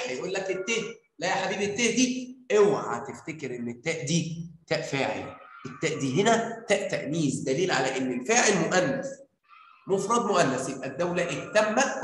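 A man with an Egyptian Arabic accent teaches a grammar lesson, coaxing answers out of his pupils with question after question. His voice sits high for a man. The sound rings with heavy room echo. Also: fairly bright tone, a little hiss or hum. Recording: very echoey room.

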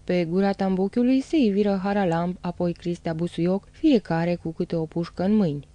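Warm, low-voiced woman reading a novel. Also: no echo. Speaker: narrator. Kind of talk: audiobook reading.

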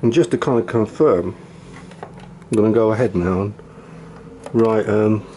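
A retro computer hobbyist casually shows off old computer gear, thinking aloud in a rambling, self-deprecating manner during a hands-on demo. His voice is lowish, warm, and a bit slow, with slight background noise.

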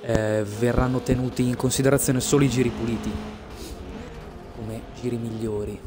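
Over some background noise, a sim racing streamer and esports commentator calls a live race casually, pausing and repeating himself. He speaks at a moderate pace in a medium-pitched voice with little pitch movement.

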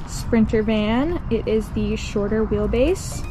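Speaking slowly in a fairly high voice, the young woman walks her handheld camera through the camper van in a bubbly, giggly casual tour, the camera close at first and then moving around. Loud music competes with her, and the audio is low-quality.

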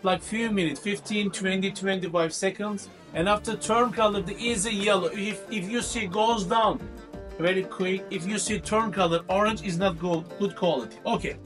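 High-pitched guy selling spices, broken english showman patter, faint music, recorded off a camera in the shop. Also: fairly even intonation, normal speed. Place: busy spice shop indoors. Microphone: far camera.

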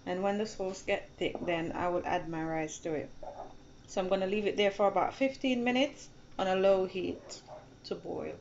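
A woman's voice: mid-range voice, moderate pace, gravelly, darkish tone. Chatty woman giving a home cooking tutorial. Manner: chatty, repeats instructions, addresses viewers as guys. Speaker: cooking channel host. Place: home kitchen at a gas stove. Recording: dull lo-fi phone audio with background noise.

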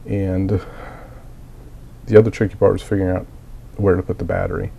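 A man's voice: sits low, little pitch movement, brisk, gravelly, dark tone, husky. A man recovering from a cold, coughing at times, plainly and methodically walking through a hobby build with frequent fillers. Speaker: miniature hobbyist. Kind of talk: casual tutorial walkthrough.

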